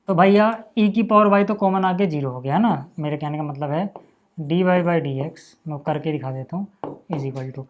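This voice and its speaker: A man's voice: sits high, a little mellow. A man teaching a math lesson in a casual, step-by-step way, talking to his students as "brother" and checking in often to see if they follow. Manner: chatty, keeps checking in with "है ना" and "यार"; talks to students as "भैया" and "भाई".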